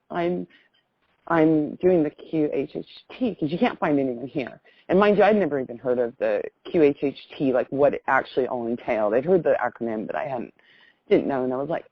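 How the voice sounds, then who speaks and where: A husky, low-voiced woman talks briskly and with animation on a muffled phone call without echo. She's a middle-aged American caller telling a personal story in a casual, effusive, wandering way.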